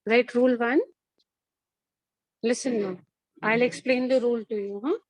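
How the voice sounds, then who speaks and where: Woman, Indian accent, high-ish voice, schoolteacher instructing, repetitive checking questions, close dry sound. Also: fairly even intonation, moderate pace, dry recording, rough recording. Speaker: school English teacher. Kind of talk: online classroom teaching.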